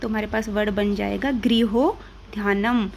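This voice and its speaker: A woman's voice: mid-range voice, steady tone, normal speed, a little mellow, slight background noise. An Indian woman teaching grammar, patiently asking and answering her own questions step by step. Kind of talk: classroom-style explanation.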